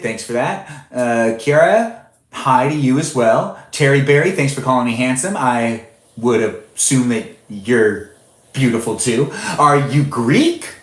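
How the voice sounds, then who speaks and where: A man's voice: medium pitch, echoey room. A man in his twenties hosting a live stream, casually chatting and reading out viewer comments with frequent laughs. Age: 20s. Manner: chatty, reads viewer names aloud, laughs often. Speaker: livestream host.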